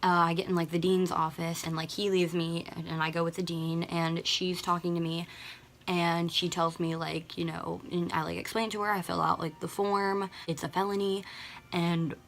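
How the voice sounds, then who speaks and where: A woman's voice: lowish voice, level tone, moderate pace, slight background noise. A teenage girl telling a storytime on her vlog, rambling and full of "like" and slang. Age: teens. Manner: rambling, heavy use of "like", slangy. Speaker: vlogger. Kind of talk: casual storytime.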